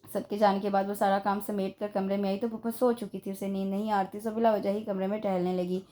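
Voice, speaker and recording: Female audiobook reader, steady narration, mid-range pitch. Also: fast talker. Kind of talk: audiobook novel reading.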